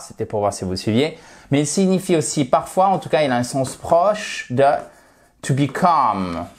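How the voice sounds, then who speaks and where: An English teacher with a darkish voice gives a playful online language lesson. He draws words out slowly for pronunciation drills and jumps between high and low tones to emphasize points.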